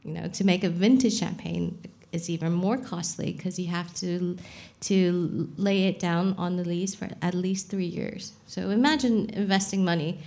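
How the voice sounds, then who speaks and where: A woman's voice: lowish voice, steady tone, normal speed, creaky, few pauses, warm tone. A young adult woman, a champagne expert guest on a live podcast, explaining frankly and casually, swearing now and then. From Saudi Arabia.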